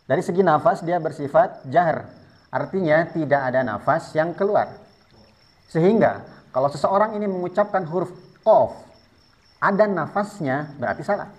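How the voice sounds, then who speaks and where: A man teaching Quran recitation rules, patiently explaining each step and modelling sounds for students to repeat. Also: fairly high pitch. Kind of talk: tajwid lesson with spoken demonstrations. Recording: dull lo-fi sound.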